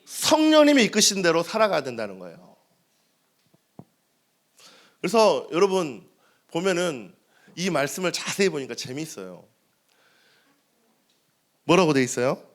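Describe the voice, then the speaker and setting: Male pastor, 30s, animated sermon delivery, frequent rhetorical questions to the pews. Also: on the high side, measured pace, pauses often. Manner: lively, asks the congregation questions and answers them. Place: church sanctuary.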